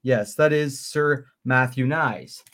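Young male podcast cohost, animated rambling storyteller, lots of ums. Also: medium pitch, slow pace. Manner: excited, rambling with fillers. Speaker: podcast co-host. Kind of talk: casual storytelling.

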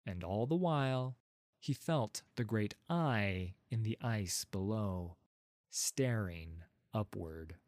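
A man narrating a fantasy audiobook in a measured, dramatic storytelling manner. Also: on the low side, expressive, darkish tone, no echo, clean studio sound.

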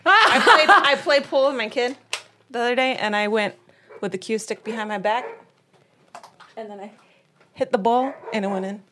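A woman's voice: fairly high pitch, expressive, normal speed, long pauses, noisy background. A middle-aged woman from the Baltimore area co-hosting a casual true crime podcast, playful and giggly in banter with her sisters. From Baltimore, Maryland area. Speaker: podcast co-host. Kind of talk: casual chat.

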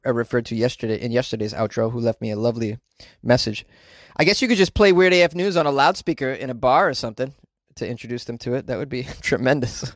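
A man's voice: mid-range voice, dry recording, studio quality. A man from Boston hosting a podcast from a small closet, rambling casually with self-deprecating jokes and mild profanity. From Boston, United States. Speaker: podcast host.

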